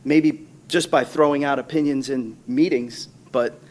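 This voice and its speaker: A middle-aged American man answering interview questions off the cuff at a meeting, halting and correcting himself. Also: mid-range voice, fairly even intonation. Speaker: candidate being interviewed for a school board. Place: public board meeting room.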